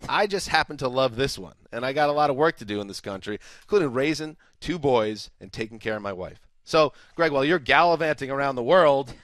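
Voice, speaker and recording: A man's voice: mid-range voice, brisk, hardly any pauses, fairly bright tone, no echo, clean studio sound. A man from the USA hosting a sports podcast in casual, jokey chat. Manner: jokey, teasing. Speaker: podcast host.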